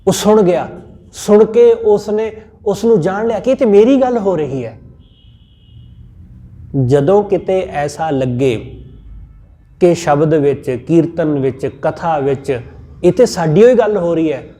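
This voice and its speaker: A man with a Punjabi accent giving a scripture sermon, teaching in a measured, repetitive way with everyday examples. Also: high voice, dark tone. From India. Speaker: Sikh scripture preacher. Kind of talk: sermon-style scripture exposition.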